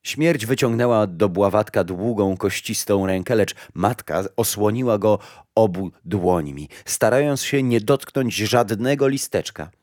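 Low-voiced man reading a fairy tale. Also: darkish tone, no echo, clean studio sound. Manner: slow, solemn storytelling. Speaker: narrator.

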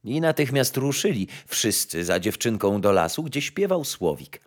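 A man narrating a fairy tale in an expressive storytelling manner. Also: mid-range voice, moderate pace.

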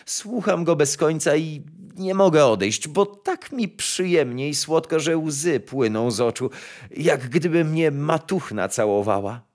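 A man voicing a poor little kitchen girl in a storybook reading, speaking high and eager. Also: expressive, a little slow, a little mellow.

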